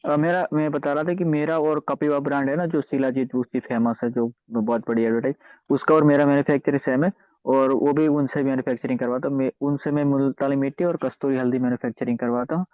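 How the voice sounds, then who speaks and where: A man calling in to a live stream over a phone line, asking a question and filling pauses with "uh". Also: mid-range voice, steady tone, dry recording. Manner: hesitant, fills pauses with "uh". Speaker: caller. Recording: dry, muffled phone-line audio.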